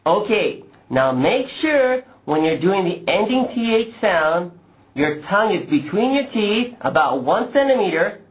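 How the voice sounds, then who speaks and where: Male language teacher, lively pitch swings, slow and exaggerated modeling for learners to repeat. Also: low-quality recording. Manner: slow, exaggerated speech modeling, deliberate and instructional. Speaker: pronunciation teacher, lesson host. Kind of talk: instructional lesson to camera, addressing learners.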